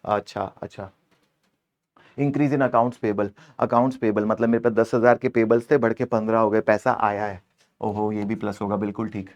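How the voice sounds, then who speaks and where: A man's voice: on the low side, steady tone, normal speed, darkish tone, highs cut off. Playful male accounting teacher. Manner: playful, scolds answer options, switches between Hindi and English. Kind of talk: exam-prep lecture.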